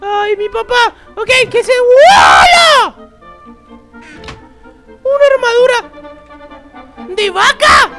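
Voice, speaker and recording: A shrill, dramatic baby boy in a game role-play who yells constantly, very high, over loud music. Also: measured pace. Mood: excited. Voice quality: squeaky, shrieking outbursts. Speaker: host. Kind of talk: Minecraft role-play commentary.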